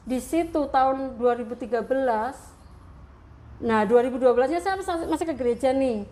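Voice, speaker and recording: A middle-aged woman from Central Java telling her personal story in an interview, speaking with deep emotion that at times turns tearful. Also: moderate pace, warm tone. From Central Java, Indonesia. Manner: emotional, heartfelt storytelling that rises into tearful prayer. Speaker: interview guest.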